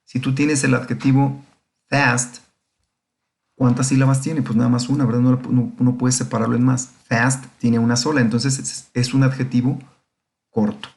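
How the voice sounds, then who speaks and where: A man's voice: mid-range voice, flat delivery, moderate pace, vocal fry, a little mellow. A man teaching English grammar, explaining patiently and often checking that students follow. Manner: patient, checks understanding with frequent questions. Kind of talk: recorded grammar lesson.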